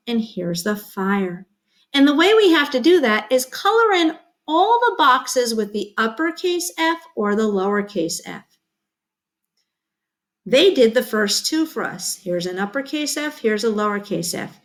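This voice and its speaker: Woman, teacher, reading aloud to kids, higher voice, very lively intonation, playful sound effects. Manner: animated, makes sound effects for young children. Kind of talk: reading a children's magazine aloud as a lesson.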